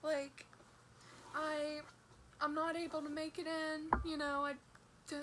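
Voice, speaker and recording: Woman, high pitch, halting, downcast, confessional vlog talk, faint background noise. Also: level tone. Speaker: vlogger.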